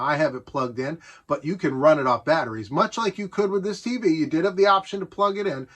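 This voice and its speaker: With a fairly high pitch and a breathy edge, a middle-aged American host walks through his vintage electronics collection. The show-and-tell is relaxed, nostalgic and enthusiastic, full of self-amused side comments.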